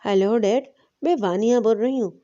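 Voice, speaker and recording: A woman's voice: on the high side, mellow, lo-fi sound, natural voice. A woman voicing a spoiled young woman pleading tearfully with her father. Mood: desperate. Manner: sobbing, pleading.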